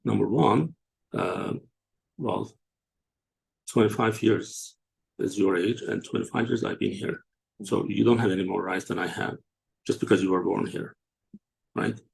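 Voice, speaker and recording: A man from Turkey, hosting a casual online discussion and talking haltingly with many fillers and restarts. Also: on the low side, darkish tone. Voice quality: gravelly, husky. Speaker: show host.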